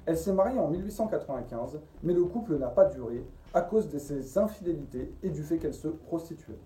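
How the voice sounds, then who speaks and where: A man's voice: fairly high pitch, expressive, a little fast, warm tone, slight background noise. A man narrating a scripted true-crime story as a storyteller and host. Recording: roomy echo, distant from the mic.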